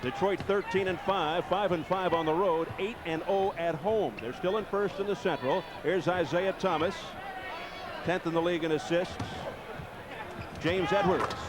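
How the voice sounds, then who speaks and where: A man calling a basketball game play by play on an old broadcast, with brisk, excited calls of the action. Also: sits high. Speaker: play-by-play announcer.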